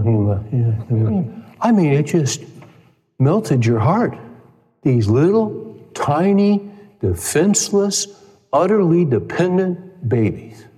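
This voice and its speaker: A male pastor delivering an emphatic sermon, his voice climbing high when he stresses a point. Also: mellow. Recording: long reverb of a large hall.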